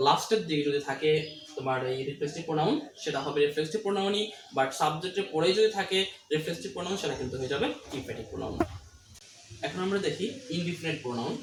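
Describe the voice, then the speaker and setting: Guy teaching english grammar, rapid, roomy echo and background noise. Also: on the high side. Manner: explains quickly, slows right down to read English examples. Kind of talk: classroom-style grammar lesson. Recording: roomy, distant mic, noisy.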